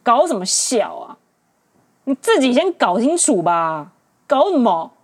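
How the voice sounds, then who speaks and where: A woman in her late twenties with a Taiwanese Mandarin accent, hosting a casual dating-advice monologue in an animated, exasperated, ranting manner. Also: on the high side, unhurried. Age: late 20s. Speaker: podcast host.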